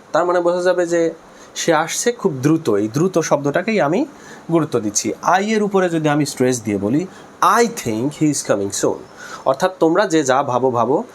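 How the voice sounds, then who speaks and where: A man's voice: a little high, slight background noise. Bangladeshi man teaching a spoken lesson. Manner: explains slowly, repeats key terms, spells words aloud; switches between Bangla and English terms.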